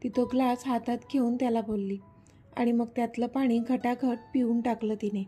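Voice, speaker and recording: A woman with a husky, mellow, fairly high voice narrates a romantic story, reading the dialogue without putting on character voices. Soft music plays behind her. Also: steady tone, normal speed. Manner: reads all parts in her own voice, lightly varied.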